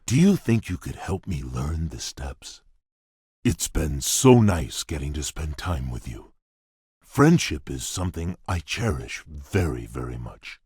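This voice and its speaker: A courtly fairy-tale beast prince for a video game, with a deep and heavily husky voice. He speaks slowly and formally, gruff yet shy and earnest. The sound is close and dry. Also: big pitch swings, darkish tone, dry recording, full character voice. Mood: frustrated, embarrassed, then warm, grateful. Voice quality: husky, deep, gravelly rumble. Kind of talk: video game character voice lines.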